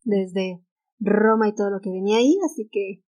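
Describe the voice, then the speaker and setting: A co-host on an easygoing history podcast, she speaks with a Mexican Spanish accent in a mid-range, slightly mellow voice at a moderate pace and fairly even intonation. She reads notes aloud, stumbles over English titles, and laughs easily.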